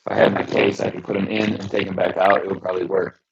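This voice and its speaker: A man's voice: low voice, little pitch movement, fast talker, vocal fry, slight background noise. A man chatting casually on an internet call through a faulty headset mic, his voice coming through with a robotic, metallic glitch. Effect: robotic, glitchy metallic distortion from a faulty headset mic. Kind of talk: casual online call chat. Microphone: headset over an internet call. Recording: lo-fi garbled internet call audio.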